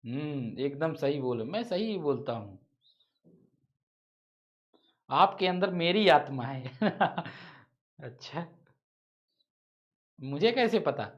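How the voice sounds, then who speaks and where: A man's voice: on the high side, animated, slow, lo-fi sound. Playful man quizzing a Hindi class. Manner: quizzing viewers, teasing, joking asides. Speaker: teacher. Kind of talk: live online exam-prep class.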